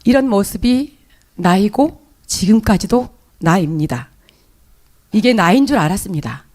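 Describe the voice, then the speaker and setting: A woman's voice: mid-range voice, expressive, a little slow, a little mellow. A woman with a Jeolla Korean accent tells her own story of faith before a congregation. She speaks in an emotional, confessional way. Her words are broken by hesitant fillers and restarts. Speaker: church member giving testimony. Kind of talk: spoken personal testimony in church.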